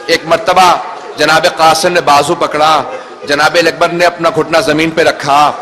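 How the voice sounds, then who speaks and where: High bright-voiced cleric telling a sermon. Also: male voice, little pitch movement, in a large hall. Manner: emotional storytelling, voice rising to pleading cries. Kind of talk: Muharram majlis sermon. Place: mosque or hall before a gathering.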